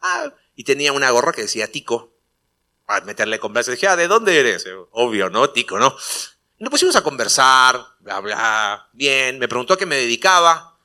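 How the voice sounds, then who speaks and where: Male preacher, bright tone, mid pitch; storytelling sermon that builds to emphatic points. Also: huge pitch swings, normal speed. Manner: conversational storytelling, acting out dialogue, rising to emphatic preaching. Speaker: pastor. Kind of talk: sermon with personal anecdote.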